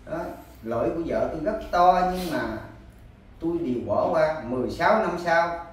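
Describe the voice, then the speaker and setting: A man with a southern Vietnamese Mekong Delta accent tells his story in halting, circling sentences. His voice sits a little high and is picked up from a distance. The recording is very echoey, with faint ambient noise behind. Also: animated. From Cà Mau, southern Vietnam. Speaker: husband searching for his missing wife. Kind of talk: personal account in an interview.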